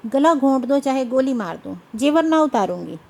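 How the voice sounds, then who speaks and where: A woman's voice: high-pitched, animated, moderate pace, creaky, heavily acted. A woman voicing a defiant young village wife. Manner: defiant, firm.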